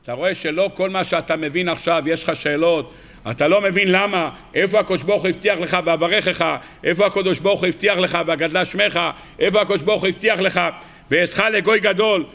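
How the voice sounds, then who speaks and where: Bright, high-voiced rabbi preaching. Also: male voice. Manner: animated, asks the audience rhetorical questions; acts out characters with sudden high cries. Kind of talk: weekly Torah sermon.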